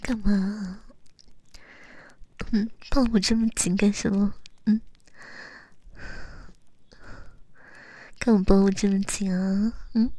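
Woman voicing a playful teasing big sister, intimate role-play audio, mid-pitched, very dry close sound. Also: dry recording. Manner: playful, teasing, drawn-out coaxing with soft whispers. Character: teasing, coaxing young woman calling herself big sister.

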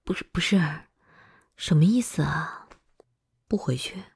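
A woman's voice: sits low, a little slow, darkish tone, exaggerated voice. A woman voicing a hot-tempered but doting older girlfriend in whispered role-play. She swears freely and swings between scolding and coaxing. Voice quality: very breathy, husky.

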